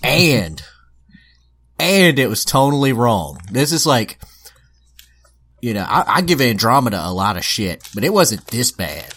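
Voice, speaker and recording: Animated, swearing man telling stories. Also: mid-range voice, a little slow, long pauses, husky. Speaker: podcast co-host. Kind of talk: casual chat.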